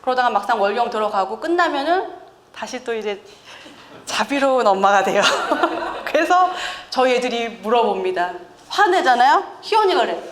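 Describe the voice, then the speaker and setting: Animated woman preaching in an echoey church. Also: on the high side, brisk, slight background noise. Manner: animated, chatty, laughs often, teases the congregation. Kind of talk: conversational sermon. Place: church sanctuary. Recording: echoey church hall with faint ambience.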